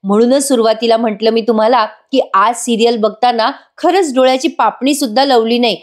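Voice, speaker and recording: A woman's voice: on the high side, brisk. A woman hosting a casual recap of a TV serial, chatting to her viewers. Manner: chatty, addresses viewers, laughs often.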